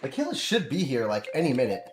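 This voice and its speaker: A man's voice: medium pitch, big pitch swings, quick pace, reverberant, a little hiss or hum. A man casually chatting while streaming a game, rambling and laughing often as he plays.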